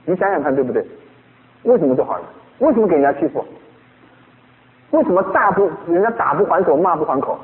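A male pastor delivers a sermon in a high, wide-swinging voice, firing off rhetorical questions at his listeners. The sound comes through a thin, phone-like radio broadcast with a long hall reverb trailing behind him. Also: fast talker, long pauses. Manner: animated preaching full of rhetorical questions.

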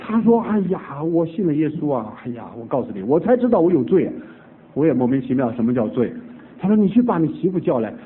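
Animated male preacher on a tinny recording. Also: a little high, fast, a little hiss or hum. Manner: animated storytelling, acting out family dialogue. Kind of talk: sermon testimony storytelling. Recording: tinny phone-like old recording.

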